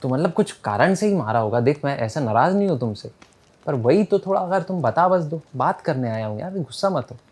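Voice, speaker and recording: A man voicing a smooth-talking male royal envoy who coaxes prisoners in a casual, friendly way. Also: a little high, animated, a little fast, a little mellow, pitched above the performer's own voice. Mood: coaxing. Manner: coaxing, casual, calls people friend.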